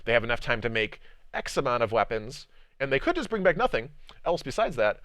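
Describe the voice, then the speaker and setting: Smooth-voiced man rambling on stream. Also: medium pitch, a little fast, no echo. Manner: rambling, repeats words, many fillers; animated when making a point. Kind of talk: casual livestream game discussion.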